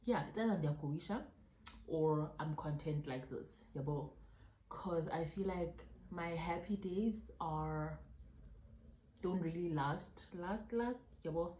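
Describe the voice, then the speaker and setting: South african girl in her twenties, chatty vlog q&a, lowish voice, echoey room. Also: dark tone, slight background noise. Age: 20s. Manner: chatty, laughing, mixing in local phrases. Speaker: YouTuber. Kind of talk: casual mukbang Q&A chat. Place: indoor room at home.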